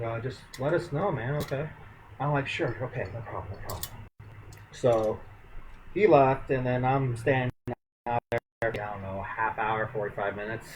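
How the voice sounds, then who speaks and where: A man's voice: mid-range voice, low-quality recording. Male streamer host, casual and profane, rambling delivery, faint background hiss. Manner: rambling, profane, filler-heavy. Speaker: podcast host. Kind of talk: casual storytelling.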